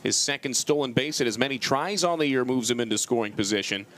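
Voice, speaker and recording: A man's voice: medium pitch, quick pace, a bit bright. A man giving live baseball commentary as a play-by-play broadcaster at an outdoor ballpark.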